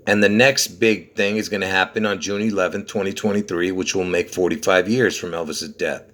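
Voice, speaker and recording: This low, fairly even, slightly bright voice belongs to a Lebanese man moving briskly through a conspiracy numerology video he hosts. He rambles and insists, often asking viewers "okay?" and "you see?"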